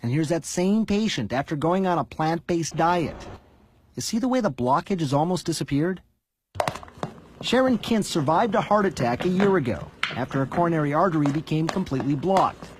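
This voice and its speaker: A male reporter narrating a scripted news story in a measured, deliberate way. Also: a little high, expressive, background noise.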